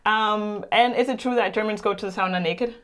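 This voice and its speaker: A woman's voice: mid-range voice, brisk. A woman from Guatemala in her thirties, co-hosting a casual chat and laughing often. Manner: laughs often, lively and chatty. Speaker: co-host. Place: home sauna room.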